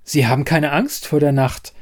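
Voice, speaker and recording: A man voicing an excitable young village man who insists, eagerly and breathlessly, on what he has seen. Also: fairly high pitch, moderate pace, voice pushed up, lightly acted. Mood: rapturous.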